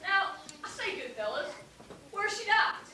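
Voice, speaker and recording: A stage actor playing a pompous, overly formal gentleman traveller who gets flustered. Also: extremely high pitch, sing-song, unhurried, slight background noise, exaggerated voice. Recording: echoey hall, distant mic.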